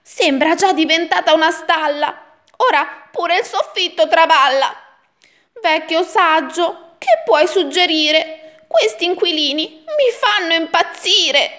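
A woman voicing a fussy, grumbling little old woman in a rhyming storybook, with an exaggerated shrill delivery. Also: animated, slow, a bit bright, heavily acted. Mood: complaining. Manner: shrill, exaggerated complaining in rhyme. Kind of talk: storybook reading.

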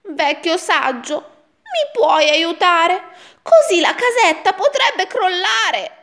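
A woman voicing a fussy, grumbling little old woman in a rhyming storybook, with an exaggerated shrill delivery. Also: very animated, slow pace, a bit bright, full character voice. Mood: complaining. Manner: shrill, exaggerated complaining in rhyme. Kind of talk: storybook reading.

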